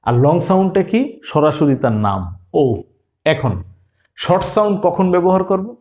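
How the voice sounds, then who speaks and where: A man teaches a phonics lesson in a fairly high voice. He keeps asking his students questions and answering them himself. He spells each word out one sound at a time. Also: lively intonation, moderate pace, a little mellow. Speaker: English teacher.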